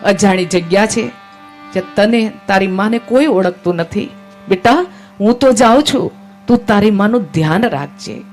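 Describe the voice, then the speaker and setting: A steadfast king from a devotional story speaks with earnest tenderness, voiced by a woman storyteller in her own even tone. Faint instrumental music plays softly underneath. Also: medium pitch, normal speed, close to an everyday voice. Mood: tender. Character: noble devoted king, adult man, steadfast.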